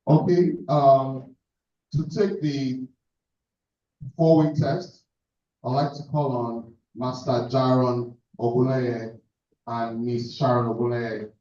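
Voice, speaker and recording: A man's voice: medium pitch, steady tone, takes it slowly, mellow. A man with a Nigerian accent hosting a club breakfast meeting, giving jovial, directive cues. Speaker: meeting host. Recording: echoey hall, distant mic, dull sound.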